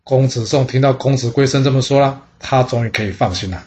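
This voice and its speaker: A man's voice: medium pitch, brisk, muffled recording. A man telling an ancient court story in a casual storytelling style, posing questions and answering them himself. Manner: lively, asks and answers his own questions.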